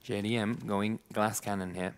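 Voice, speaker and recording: A man giving lively play-by-play commentary on a competitive shooter match, joking with his co-caster. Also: on the low side, normal speed. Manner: lively, jokey banter with co-caster. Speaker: esports commentator. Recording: noisy with game gunfire behind. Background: game gunfire.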